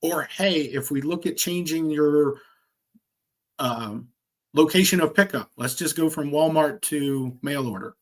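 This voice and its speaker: A fairly high-pitched man plays an insurance agent trainer, showing off quoting software over a screen share. He talks in an energetic, salesy way and tosses in quick asides.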